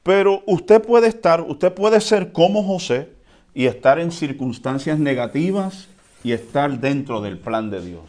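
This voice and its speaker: A man preaching a sermon in a conversational way, often checking in with the congregation and swinging between quiet and loud. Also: on the high side, measured pace. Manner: lively swings between soft and loud, with chuckles. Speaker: pastor.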